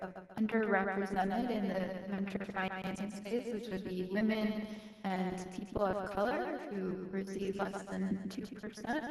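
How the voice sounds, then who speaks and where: A woman's voice: mid-range voice, creaky. A woman founder speaking earnestly and encouragingly at a live-streamed event, with some fillers. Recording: echoey, distant, long reverb.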